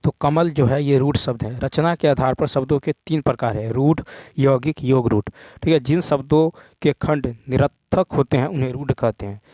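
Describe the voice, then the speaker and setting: A man's voice: medium pitch, normal speed, warm tone, dry recording. A man teaching an exam-prep lesson, working through practice questions and repeating "thik hai" as he goes. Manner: repetitive, says "thik hai" often.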